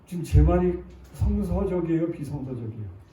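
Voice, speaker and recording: A man preaching in a church sanctuary, often asking the congregation questions and acting out heartfelt prayers. His voice sits a little high, with a mellow, dark tone. The recording is roomy and taken from a distance, with a faint hiss behind it. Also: lively intonation, fairly quick. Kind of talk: sermon.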